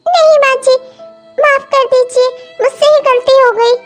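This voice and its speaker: A woman's voice: extremely high pitch, steady tone, measured pace, soft background music. A woman voicing a meek, devoted young daughter-in-law in a cartoon comedy, who apologizes and pleads. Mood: apologetic, pleading.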